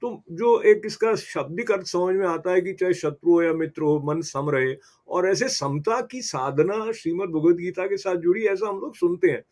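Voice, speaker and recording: A man with an Indian accent hosting a television interview, asking respectful, formal questions with some hesitant fillers. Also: high-pitched. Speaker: TV interview host.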